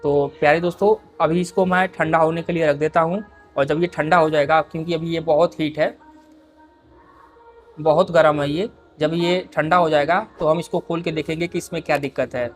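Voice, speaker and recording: A man's voice: on the high side, steady tone, normal speed, faint music behind. A man hosting a repair tutorial, explaining each step patiently as he works and often calling his viewers dear friends. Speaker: repair video host.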